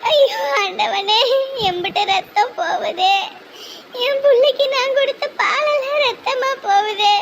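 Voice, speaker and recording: A woman's voice: very high voice, lively intonation, moderate pace, crowd noise. A woman voicing a thrifty village mother who laments and scolds in broad rural speech. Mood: pleading.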